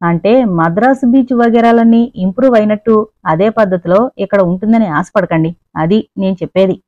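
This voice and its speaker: A woman voicing a polite, calm young man who speaks softly and teases gently, in an audiobook reading. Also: mid-range voice, a little fast, no room sound, close to an everyday voice. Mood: gentle, teasing. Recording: dry, narrow phone-like sound.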